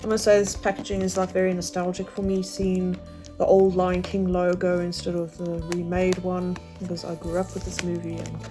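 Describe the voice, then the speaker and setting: A woman's voice: lowish voice, level tone, moderate pace, over music. A woman chatting casually in a craft vlog, hesitant and full of fillers. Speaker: craft vlogger. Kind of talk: casual unboxing chat.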